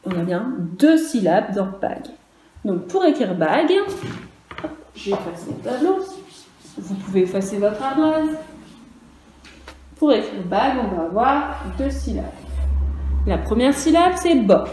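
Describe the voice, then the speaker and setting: A woman's voice: on the high side, big pitch swings, unhurried, pauses often, mellow, a little hiss or hum. Echoey patient teacher woman, spelling sounds. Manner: clear, patient, stresses each sound and letter; speaks to children and parents in turn. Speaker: first-grade teacher. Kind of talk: recorded virtual class lesson.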